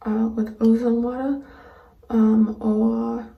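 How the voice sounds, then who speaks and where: Female vlogger, casual and halting, slightly high but monotone, recorded in an echoey room. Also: vocal fry, narrow, tinny audio. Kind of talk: casual vlog to camera, explaining a routine. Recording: roomy echo, distant microphone.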